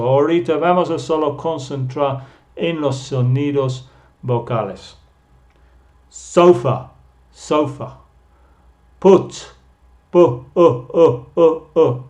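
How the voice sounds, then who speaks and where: Man, English teacher, extremely slow delivery, medium pitch, patient, repeats vowel sounds over and over. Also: darkish tone. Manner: drills vowel sounds by repeating them many times; patient, explains simply step by step. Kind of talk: slow beginner language lesson.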